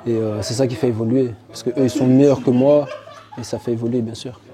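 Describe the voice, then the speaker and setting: A man's voice: mid-range voice, steady tone, a little fast. A man in his twenties, an amateur fighter, answering interview questions earnestly and with growing confidence. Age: 20s. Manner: earnest, confident, sometimes boastful.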